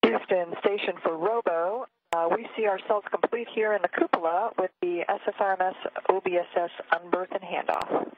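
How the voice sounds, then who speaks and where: A woman's voice: mid-range voice, steady tone, moderate pace, no echo. Lady astronaut calling in over radio, procedural talk, really tinny phone-like sound. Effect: radio transmission. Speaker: astronaut robotics operator.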